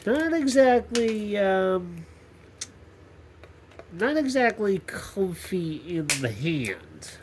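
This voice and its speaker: A high-pitched, sing-song man speaks very slowly with long pauses, slight noise in the background. Stuffy from a cold, he hosts a YouTube maker vlog from his home workshop, rambling, joking and frequently stopping mid-sentence.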